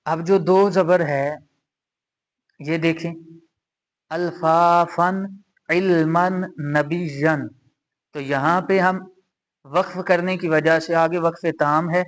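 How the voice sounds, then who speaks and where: A man with a Pakistani Urdu accent teaching a Quran reading lesson, patiently repeating each rule and reciting examples slowly. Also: a little high, fairly even intonation. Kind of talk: slow explanatory lesson.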